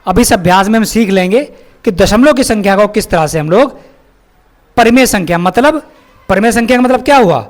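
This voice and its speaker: A man's voice: sits high, lively intonation, a little fast. A male maths teacher explaining a lesson step by step, often asking his pupils questions and calling them child. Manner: asks pupils questions and checks their understanding.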